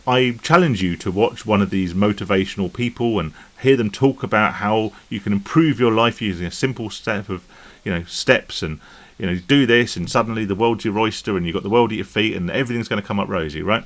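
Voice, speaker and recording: This man has a lowish, slightly bright voice and talks a little fast. He chats casually to camera about recovering from gambling, rambling along and checking in with viewers with "right?" and "okay?", the way a YouTube vlogger on gambling recovery would.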